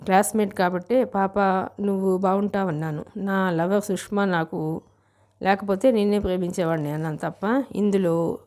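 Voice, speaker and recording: A woman voicing a boastful, drunk young man who talks loudly and slowly, as in an audiobook reading. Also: sits high, fairly even intonation, close to an everyday voice. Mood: drunk, rowdy. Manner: loud, slurred and slow.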